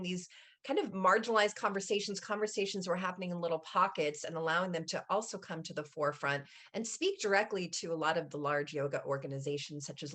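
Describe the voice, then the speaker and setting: A woman's voice: on the low side, fairly bright tone. A woman moderating a conference panel, recounting and introducing in a conversational way.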